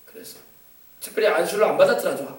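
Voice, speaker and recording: A man pastor preaching a sermon, emphatic and exhorting, moving between loud commands and quieter asides. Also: high-pitched, animated, quick pace. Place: church sanctuary. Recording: echoey church hall from far off.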